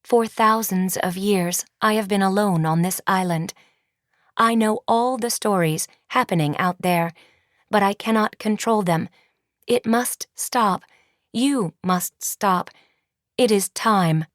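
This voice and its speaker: Lightly acted at a slow pace, a woman's medium-pitched voice comes through studio-quality audio with no room sound. She portrays a colorless female school founder made of words who issues cold, clipped commands, each one announced under a one-word label.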